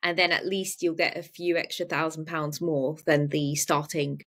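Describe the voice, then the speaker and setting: Low-pitched female medical writer hosting a webinar, practical and explanatory, video call audio. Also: flat delivery, moderate pace. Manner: practical, explanatory, starts points with "so". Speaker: freelance medical writer and course host. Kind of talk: live webinar Q&A.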